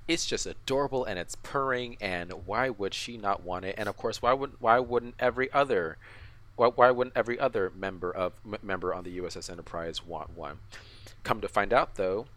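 Male podcast co-host, lower register, casual recap, halting delivery full of restarts. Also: a bit bright. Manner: halting, many restarts and repeated words. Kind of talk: casual chat, episode recap.

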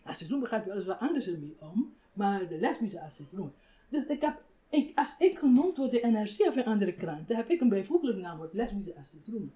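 An older woman, a writer, telling stories in a relaxed conversational interview, animated and laughing often. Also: mid-range voice, a little fast. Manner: animated, acts out quoted voices, laughs often. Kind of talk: reflective conversational storytelling.

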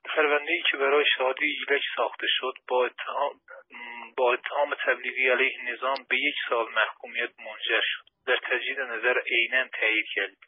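A man giving an earnest, formal prepared statement as an activist over a telephone, with a slightly husky voice. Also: mid-range voice, level tone, a little hiss or hum. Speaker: imprisoned labour activist. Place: phone call from prison. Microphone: telephone handset. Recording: tinny, muffled phone line.

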